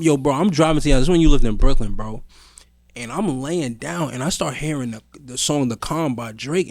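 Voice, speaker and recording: A man's voice: mid-range voice, no echo, studio quality. A young man co-hosting a podcast, telling a long story in casual chat with loose slang. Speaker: podcast co-host.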